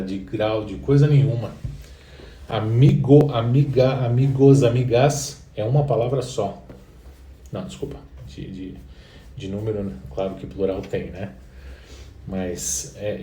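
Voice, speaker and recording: Brazilian guy teaching english, slow and patient, repeats stuff, kinda echoey. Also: fairly low pitch, dark tone. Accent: Brazilian Portuguese. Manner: patient, repeats phrases slowly for the learner. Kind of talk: online language lesson. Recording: roomy echo, distant from the mic.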